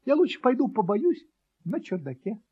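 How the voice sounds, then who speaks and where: A man's voice: very high-pitched, sing-song, moderate pace, breathy edge, voice pushed up, full character voice. A man voicing a naive, curious little male kitten in a storybook reading, earnest and puzzled. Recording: dull lo-fi recording.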